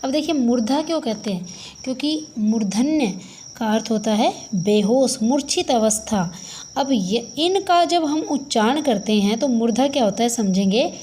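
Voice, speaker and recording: A woman teaching a Sanskrit lesson to students, explaining slowly and patiently and often calling them "beta". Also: a little high, expressive, dark tone, slight background noise. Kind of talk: classroom-style lesson.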